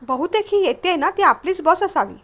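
A woman voicing a friendly, chatty young man on a bus trip in a read-aloud story, speaking a little louder and livelier than her narration. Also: extremely high pitch, expressive, moderate pace, voice pushed up.

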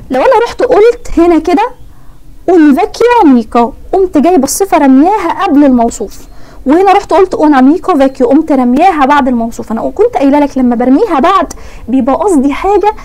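A young Egyptian woman explaining grammar in a lively lesson, voicing her students' questions and then answering them herself. Her voice sits high, and she talks at a brisk clip. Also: poor audio. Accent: Egyptian Arabic. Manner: playful, asks and answers her own questions. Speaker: Italian language teacher.

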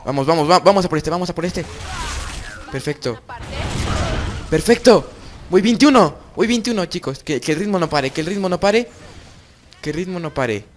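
A young man giving excited gameplay commentary as host of his gaming channel, repeating phrases over and over. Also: on the high side, a little fast, pauses often.

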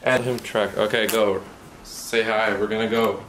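A man's voice: fairly low pitch, unhurried. A father vlogging casually at home, rambling to a handheld camera. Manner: relaxed, rambling, talking to camera. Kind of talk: casual vlog chat. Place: home, indoors. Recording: echoey room with clear background noise.

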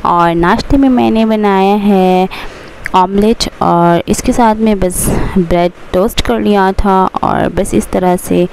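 A woman's voice: mid-range voice, steady tone, slow pace, gravelly, a little mellow, a little hiss or hum. A young woman chatting through her home cooking steps in a casual voice-over, explaining each step as she goes. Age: young adult. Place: home kitchen.

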